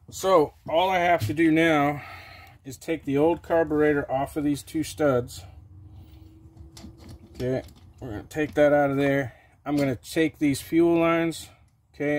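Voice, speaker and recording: A middle-aged man with a mellow, relaxed voice talks through a repair at his workshop bench. He explains each step plainly and practically, with a casual "okay" now and then. He sounds like he is recorded up close by the camera over the bench. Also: mid-range voice. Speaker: small-engine repair host. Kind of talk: casual how-to narration while working. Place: home workshop bench, open to the outdoors.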